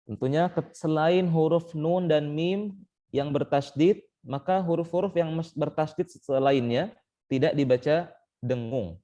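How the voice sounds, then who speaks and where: Over a call mic, a young male Quran recitation teacher walks an online class through tajwid step by step, sprinkling in "eh" and "baik" frequently. His voice is on the high side and dark, his pace measured, and the audio dull.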